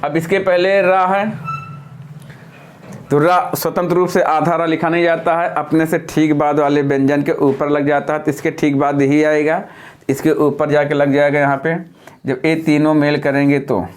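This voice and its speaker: A man's voice: on the high side, flat delivery, moderate pace. A male teacher explaining a grammar lesson patiently, step by step, while writing on a board.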